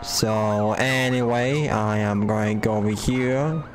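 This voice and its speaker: Slow, rambling man narrating his gameplay. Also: lowish voice, fairly even intonation, noisy background. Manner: puts on a self-mocking southern drawl at times. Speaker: gamer streaming live. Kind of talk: casual live game commentary.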